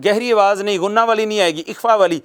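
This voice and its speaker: High clear-voiced male recitation teacher. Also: a bit bright. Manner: asks questions and answers them himself; repeats key points slowly for dictation. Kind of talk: recorded video lesson.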